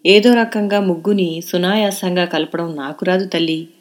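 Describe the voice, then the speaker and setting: A woman's voice: on the low side, steady tone, normal speed, natural voice. A woman voicing a playful, teasing young woman friend in an audio novel.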